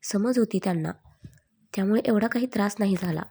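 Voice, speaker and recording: A calm young mother who speaks quietly and with contentment, as a female narrator voices her. The tone stays mellow, low in brightness and a little breathy. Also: brisk.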